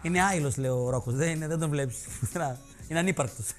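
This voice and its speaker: A man hosting a television show, delivering mocking, sarcastic political commentary in animated rants. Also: a little high, soft background music. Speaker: TV show host. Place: television studio.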